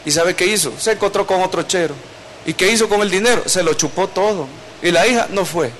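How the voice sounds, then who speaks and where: High-voiced pastor preaching. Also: male voice, fairly quick, fairly bright tone, a little hiss or hum. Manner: conversational storytelling preaching, acting out quoted voices. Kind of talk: sermon.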